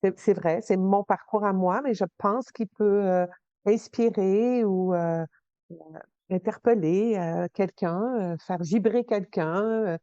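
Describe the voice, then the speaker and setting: A woman's voice: medium pitch, slow, mellow, dry recording, muffled recording. A woman from Quebec with a Québécois accent, speaking earnestly as an interview guest and searching for her words. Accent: Québécois French. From Quebec, Canada. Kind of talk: conversational interview.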